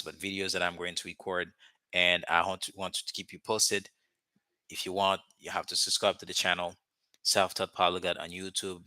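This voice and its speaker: Talking to camera through a webcam or phone mic, a man from Haiti, a native Haitian Creole speaker, chats loosely with his live-stream viewers, full of fillers and restarts. His voice is low yet sharp and bright, recorded close and dry with no echo.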